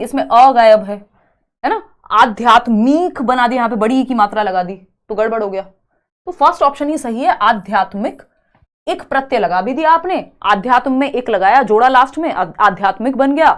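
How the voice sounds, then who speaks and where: A young woman teaching an exam prep grammar lesson live online, explaining step by step and asking the class questions. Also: high voice. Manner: chatty explaining, rhetorical questions to students.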